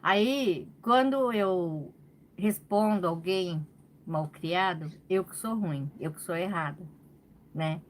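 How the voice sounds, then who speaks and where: Brazilian woman ranting on her crochet live, slow and chatty, keeps saying né, faint background hum. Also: fairly low pitch. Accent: Brazilian Portuguese. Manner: venting, repeats phrases, frequent "né?". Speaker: crochet channel host. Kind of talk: casual live-stream chat.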